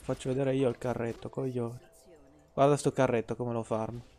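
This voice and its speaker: A man's voice: medium pitch, little pitch movement, normal speed, dark tone, slight background noise. A man, streaming gameplay and ranting at his chat, swearing freely and teasing. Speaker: game streamer. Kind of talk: casual live-stream gameplay commentary.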